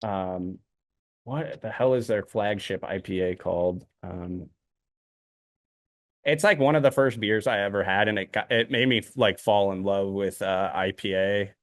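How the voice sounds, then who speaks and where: A man's voice: on the low side, measured pace, dry recording, studio quality. A man co-hosting a podcast, rambling casually with many ums and uhs. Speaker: podcast co-host. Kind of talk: casual chat.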